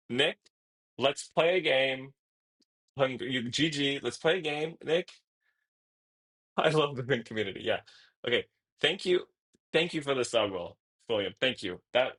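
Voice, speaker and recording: A man's voice: medium pitch, fairly bright tone. A male streamer chatting casually with his live chat, flustered and laughing, jumping between topics in an indoor room.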